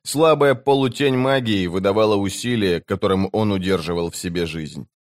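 A man narrating a fantasy audiobook in an even, measured way. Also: lowish voice. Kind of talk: scripted narration.

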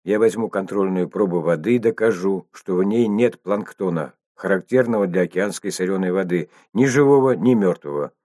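A man reading an audiobook voicing a stubborn, sharp-tongued woman glaciologist who hisses her scorn. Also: sits low, normal speed, hardly any pauses, no echo, clean studio sound. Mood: scornful. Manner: hissing, scornful, insistent.

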